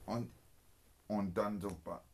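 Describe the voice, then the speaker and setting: A man telling a made-up story off the cuff, halting and correcting himself as he goes. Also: fairly low pitch, steady tone, creaky, husky. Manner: halting, with restarts and self-corrections. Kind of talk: improvised spoken story with character voices.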